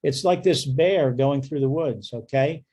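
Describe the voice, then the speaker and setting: Here a radiologist lectures on medicine with humor and an easy, conversational manner, dropping in "okay?" again and again. His mid-range voice is a little slow and dark, with a breathy edge.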